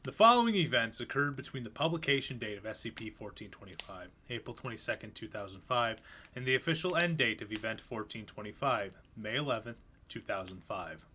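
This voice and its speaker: A man doing a live reading of horror fiction, narrating in a low-key, even voice with casual asides between pieces. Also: brisk, slight background noise. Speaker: reader.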